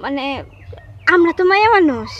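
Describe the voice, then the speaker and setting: An actress playing an outspoken younger daughter in her young adult years, brisk and confident, speaking with a Bangladeshi Bengali dialect accent. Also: very high voice, lively intonation, dull audio. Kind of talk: TV drama acting.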